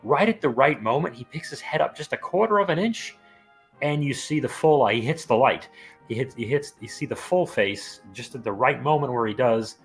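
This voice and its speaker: A man's voice: medium pitch, animated, normal speed, soft background music. A male wrestling show co-host chatting casually and analytically, with enthusiasm and appreciation.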